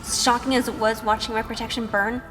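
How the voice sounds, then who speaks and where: In an audio drama with music behind her, a woman acts and narrates in the first person as a timid, sheltered young woman, sounding hesitant and anxious. Her natural voice is a little high and level in tone, with a brisk pace and a long reverb tail, and the mood feels uneasy and reflective.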